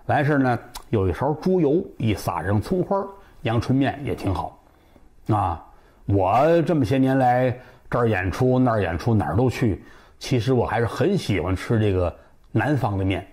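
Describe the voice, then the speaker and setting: A middle-aged man from northern China telling a traditional comic story, jumping between character voices. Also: darkish tone. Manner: voices several characters, shifting pitch up for women and shopkeepers.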